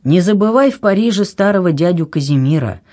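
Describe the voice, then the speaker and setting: A reader voicing a hot-tempered, jovial old king who exclaims loudly and excitably. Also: medium pitch, brisk, no room sound, studio quality, voice pushed up, close to an everyday voice.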